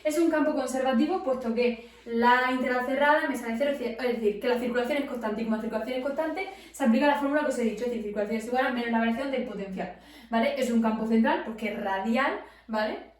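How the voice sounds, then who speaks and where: Woman, physics tutor, high voice, asks and answers own questions, very echoey, far from mic. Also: fast talker. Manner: asks and answers her own questions, frequent "¿vale?" checks. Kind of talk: explanatory lesson to students. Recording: very echoey room, distant from the mic.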